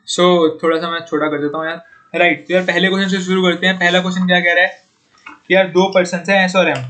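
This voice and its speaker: A young man explains puzzles to students in an easygoing, friendly lesson. His voice sits high and sounds bright and forward. He keeps a fairly steady, level melody. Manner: chatty, upbeat, calls viewers "bhaiya" and "yaar". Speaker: online exam-prep tutor. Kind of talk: informal Hindi lesson solving puzzles.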